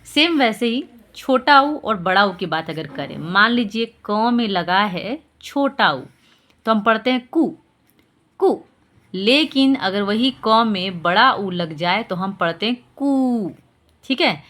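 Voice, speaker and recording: A woman with a fairly bright, higher-pitched voice gives an explanatory lesson to parents on how to explain vowel signs. She speaks patiently, repeats examples, and checks in with rhetorical questions.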